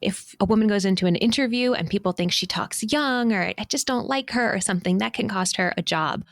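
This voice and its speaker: A woman's voice: mid-range voice, fairly quick, no room sound. A woman co-hosting a podcast, speaking earnestly in casual chat and laughing often. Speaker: podcast co-host.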